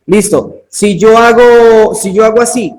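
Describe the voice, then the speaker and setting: Man with a high voice teaching a Bible class over a video call, chatty, calls on students by name. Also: unhurried, darkish tone, poor audio. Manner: conversational, questions students by name. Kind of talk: interactive online class lecture.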